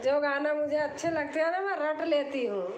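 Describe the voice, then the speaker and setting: A woman talks slowly into her phone on a casual live stream, calling out viewers by name as she reads their comments. Her voice is high-pitched. The room is echoey and there is clear background noise. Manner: slow, chatty, greets viewers by name.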